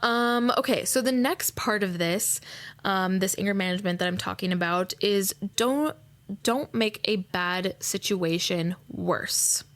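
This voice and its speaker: A woman's voice: medium pitch, unhurried, a bit bright. A woman hosting a solo podcast, talking casually with lots of fillers and asides, now and then reading from a book. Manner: chatty, many fillers and "right?" asides; reads aloud from a book. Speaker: podcast host.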